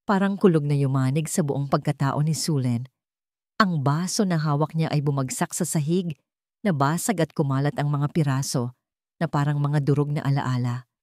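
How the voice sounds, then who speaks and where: This Filipino-accented woman also narrates a scripted dramatic story, her voice sitting low and slightly mellow. She keeps a moderate pace, captured in a clean studio with no audible room.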